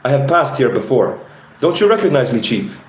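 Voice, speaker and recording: A man's voice: mid-range voice, big pitch swings, moderate pace, roomy sound, close to an everyday voice, poor audio. A man reading aloud from his own novel and voicing a laid-back, joking carriage rider in close to his own voice. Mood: polite. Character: easygoing male carriage rider and guide.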